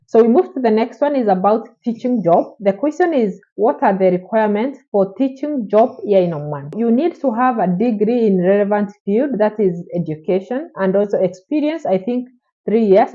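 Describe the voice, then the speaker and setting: Through narrow, tinny audio comes a woman's mid-range voice as she vlogs from Oman. Speaking straight to the camera, she responds to viewers' questions in an encouraging, repetitive way, giving casual advice.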